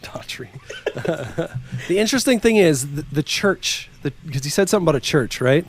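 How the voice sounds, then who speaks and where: This is a man with a slightly high voice, hosting a podcast game with a friend. He teases, laughs easily and reads lyrics slowly and dramatically. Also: expressive, slight background noise. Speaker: podcast co-host. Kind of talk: casual game chat.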